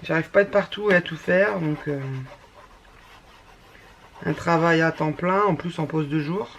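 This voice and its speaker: A woman's voice: fairly low pitch, a little slow, a little hiss or hum. Woman, northern French ch'ti accent, talkative rambling crafter giving a casual tutorial. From northern France. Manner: chatty and rambling, many restarts. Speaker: scrapbooking YouTuber.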